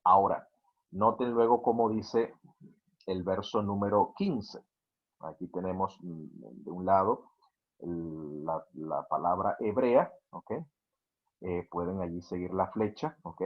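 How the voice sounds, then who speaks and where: A man giving a slide lecture on Hebrew words, checking in with listeners through frequent asides, hesitating with fillers and spelling words out slowly. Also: low voice, lo-fi sound. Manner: hesitant, with many "eh" fillers and restarts.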